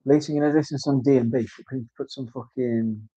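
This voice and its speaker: A man's voice: medium pitch, steady tone, a little fast, dark tone, no room sound. A man working in a tattoo studio, cracking crude, mocking jokes and swearing freely in casual banter. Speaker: tattoo artist. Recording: dull lo-fi dry sound.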